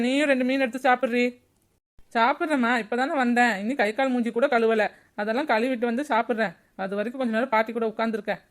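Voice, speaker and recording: Fast-talking woman, high voice, chatty cartoon family voices. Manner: quick, chatty, pleading. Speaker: cartoon narrator and voice of mother and granddaughter. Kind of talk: cartoon voice acting.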